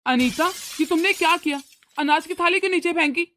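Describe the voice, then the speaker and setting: A woman voicing a tired older father-in-law in a cartoon who pleads for calm. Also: very high voice, brisk, slight background noise. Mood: placating. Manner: pleading, placating. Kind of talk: cartoon voice acting.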